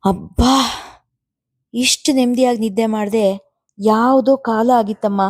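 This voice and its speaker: A woman reading the lines of a lively, refreshed young woman. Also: mid-range voice, measured pace, dry recording, clean studio sound, natural voice.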